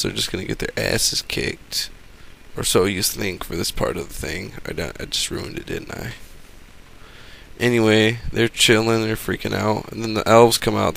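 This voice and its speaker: A man's voice: lowish voice, creaky, fairly bright tone. A man giving casual game commentary as a voice-over, rambling, profane and sarcastic.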